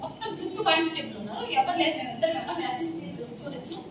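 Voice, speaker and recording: A woman with a high, animated voice speaks rapid-fire to reporters, making an indignant, pleading appeal as a complainant and repeatedly calling them sir. The recording is echoey, taken with a distant mic amid noisy surroundings.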